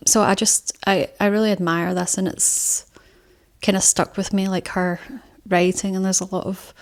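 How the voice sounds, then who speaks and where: A young woman chatting casually about favourite books, rambling with many fillers and restarts. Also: on the low side. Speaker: book vlogger. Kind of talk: casual book talk to camera.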